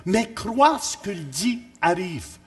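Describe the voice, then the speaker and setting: A man preaching a sermon in church, emphatic and teasing, rising at times to shouts. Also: high voice, sing-song, slow pace, husky. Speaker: pastor.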